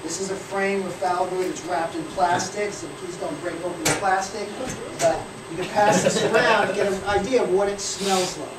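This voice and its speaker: A man's voice: sits high, steady tone, normal speed, hardly any pauses. Man teaching beekeeping, heard from afar. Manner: practical, explanatory, with fillers. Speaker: beekeeping instructor. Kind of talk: hands-on teaching talk. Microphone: far camera. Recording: echoey and noisy from far off.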